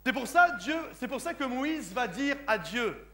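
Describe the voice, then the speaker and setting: Preaching in church, this French man of Sicilian parentage delivers his sermon emphatically and keeps asking "Comprenez-vous?". His very high voice swings widely in pitch, sounds a bit bright, and moves unhurriedly.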